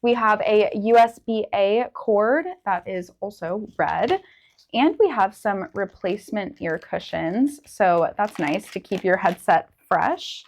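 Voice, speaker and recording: A woman's voice: mid-range voice, animated, slow pace. Woman presenting a casual product review.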